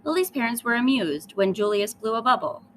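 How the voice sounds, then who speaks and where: A third grade teacher reads a children's story aloud to young listeners, fairly quickly and with emphatic storytelling and lively, varied pitch. Faint noise sits in the background.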